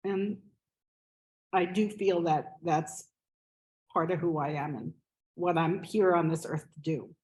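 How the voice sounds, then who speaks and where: A woman giving spoken memorial remarks as a family member, halting, with many fillers and restarts, into a microphone at a gathering. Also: on the low side, steady tone, a little mellow, low-quality recording.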